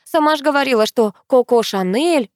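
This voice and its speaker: A woman reading an audiobook, voicing a young female student who is a hesitant, soft-hearted friend. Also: high voice, expressive, fairly quick, dry recording, studio quality, voice pushed up. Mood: pleading. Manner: sighing, hesitant, placating.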